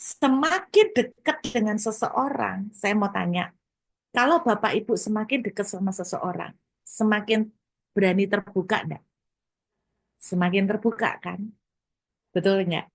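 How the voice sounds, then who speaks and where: A woman pastor preaching in a chatty, lively way, asking her listeners questions and acting out small scenes from daily life. She drops English words into her talk. Her voice sits at a middle pitch, and the recording is dry and close with no room sound. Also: measured pace, long pauses, no room sound. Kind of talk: conversational sermon to a congregation and online viewers.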